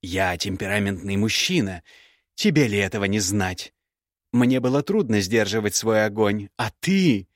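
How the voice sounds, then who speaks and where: Rich: A young male mage, as the reader plays him, self-assured yet pleading, his voice sitting low and plain. The sound is dry and close. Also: animated, normal speed, no echo, lightly acted. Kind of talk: audiobook character voice.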